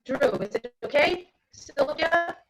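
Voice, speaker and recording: This English teacher from Brazil, a native Portuguese speaker rather than a native English one, speaks slowly in a high voice. She's hosting a live-streamed exam lesson and talking directly with viewers, and the audio comes through slightly dull.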